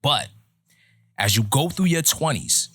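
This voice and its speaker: A man in his thirties hosting a casual podcast chat, giving opinionated, lecturing advice in a slow, deliberate way. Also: medium pitch, expressive, pushed and bright, breathy edge. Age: 30s. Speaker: podcast host.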